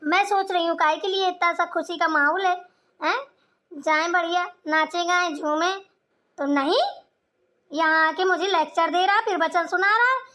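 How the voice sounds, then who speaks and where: A scolding old mother-in-law, voiced by a woman in a cartoon, sharp-tongued and proud. The voice sits very high and bright, with a piercing edge. She nags without letup. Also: normal speed. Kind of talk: Hindi cartoon voice acting.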